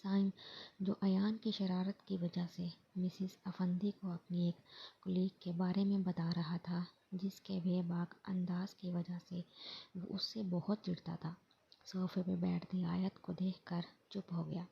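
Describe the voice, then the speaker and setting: A woman narrating a romance novel in a steady storybook reading. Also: lowish voice, unhurried, creaky, slightly rough. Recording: dull lo-fi voice recording.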